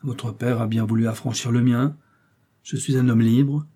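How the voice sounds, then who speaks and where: A man's voice: mid-range voice, fairly even intonation, normal speed, warm tone, husky, lightly acted. A man reading the lines of an ambitious young man of humble birth, in a subdued, deferential tone.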